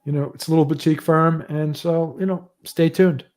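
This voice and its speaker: A man's voice: a little high, fairly even intonation, fairly quick. A man hosting a livestream show, giving audio news in a loose, rambling casual chat.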